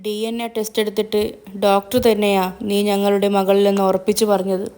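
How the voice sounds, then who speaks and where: A gentle, tearful middle-aged mother who soothes and reassures her daughter, as a woman narrator reads her. The delivery is earnest and even, close to the narrator's own voice, in a storybook telling. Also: mid-range voice, normal speed, lightly acted.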